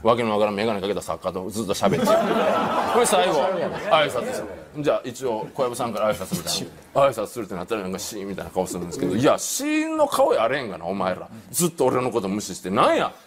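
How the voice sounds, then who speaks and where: 関西弁でまくしたてる中年男性の語り. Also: male voice, fairly low pitch, a loud crowd. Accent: Kansai. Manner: animated, acts out quoted voices, rapid delivery. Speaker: comedian telling an anecdote. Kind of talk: comic storytelling on a panel show.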